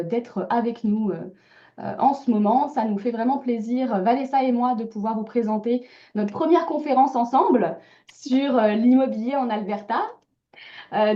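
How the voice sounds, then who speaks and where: A mortgage broker moderates a webinar over a video call, her voice a little high and mellow with lo-fi sound. She hosts politely but hesitantly, with lots of filler sounds.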